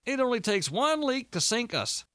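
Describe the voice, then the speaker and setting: A man voicing Walter, a loud, blustering older man who bellows about keeping secrets. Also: extremely high pitch, very animated, normal speed, smooth, dry recording, studio quality, voice pushed up, full character voice. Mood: alarmed. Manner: bellowing, emphatic.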